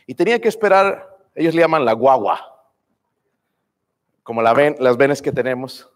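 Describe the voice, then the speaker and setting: A man's voice: mid-range voice, lively intonation, moderate pace. A male preacher giving a fervent sermon, calling out to the congregation and asking them to say amen. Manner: fervent, calls out to the congregation with "hermanos" and "amén". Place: church sanctuary. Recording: long reverb of a church hall.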